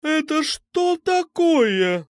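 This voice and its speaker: A man voicing a stern, booming woman head teacher who barks commands. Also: big pitch swings, normal speed, dry recording. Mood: commanding. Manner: barking, commanding.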